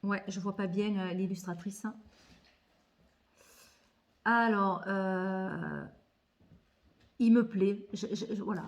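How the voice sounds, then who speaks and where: A woman vlogger chatting casually about tarot decks, thinking aloud and often repeating words as she hesitates. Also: fairly high pitch. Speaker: tarot and oracle card vlogger. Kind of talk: casual haul chat.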